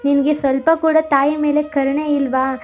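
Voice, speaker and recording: A woman voicing a remorseful mother in a cartoon story, her high voice pleading and apologetic. She sounds earnest and contrite, with soft music faintly behind her. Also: flat delivery, normal speed, natural voice. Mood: scolding. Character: remorseful mother begging her daughter's forgiveness. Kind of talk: storybook character voice.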